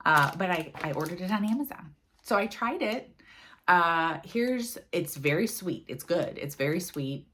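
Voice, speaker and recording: Woman from the US, low voice, casual rambling craft vlogger. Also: animated, a little slow, a bit bright. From United States. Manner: chatty, rambling, full of "like" and "um". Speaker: cross-stitch vlogger. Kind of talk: casual chat.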